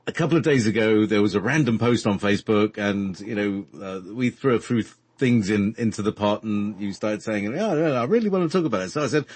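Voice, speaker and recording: A man hosting a casual, rambling talk show, haltingly searching for words, who cannot say R properly and says w for r. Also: on the low side, husky, no room sound. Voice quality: trouble saying R, says w for r. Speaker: radio show host.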